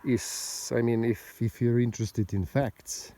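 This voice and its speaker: A man's voice: mid-range voice, fairly even intonation, unhurried, warm tone. A vlogger from Slovenia, a man speaking English, talking outdoors to his viewers in a rambling, indignant, argumentative way. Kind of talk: casual monologue to camera. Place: outdoors overlooking a mountain valley road.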